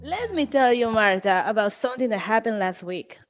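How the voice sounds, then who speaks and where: A woman's voice: fairly high pitch, expressive, brisk, music in the background. A woman with a Mexican accent, co-hosting a casual chat podcast and laughing often. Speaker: podcast co-host.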